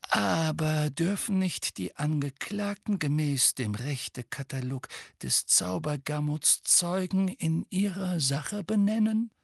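A calm, courteous old wizard speaks softly and unhurriedly, a touch raised in pitch, as a male narrator puts him on. The recording is close and dry. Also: creaky, no echo, full character voice. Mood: polite. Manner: gentle, amiable, measured.

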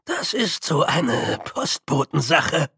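A man's voice: on the high side, very animated, slow, sharp tone, breathy edge, dry recording, clean studio sound, full character voice. A man reading an audiobook, voicing a nervous, apologetic old male postman who sounds set back and hesitant. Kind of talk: audiobook character voice.

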